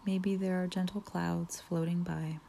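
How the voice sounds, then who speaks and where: Slow soft-spoken woman guiding meditation. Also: fairly low pitch, level tone, gravelly, slight background noise. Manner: slow, soft, partly whispered, soothing pauses. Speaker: meditation guide. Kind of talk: guided relaxation meditation.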